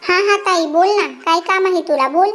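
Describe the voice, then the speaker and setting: A performer voicing a henpecked village husband in a cartoon, with a high pitch-shifted voice. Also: male voice, normal speed, fairly bright tone. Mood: meek.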